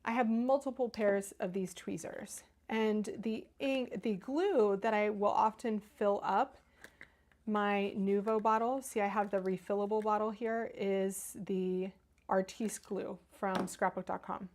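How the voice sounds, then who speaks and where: On a live stream, a middle-aged woman from Northern Kentucky works on cards and responds to viewers, chatting with real enthusiasm in an Ohio-style Midwestern accent. Her voice is mid-range and a little mellow, slightly slow, with fairly even intonation.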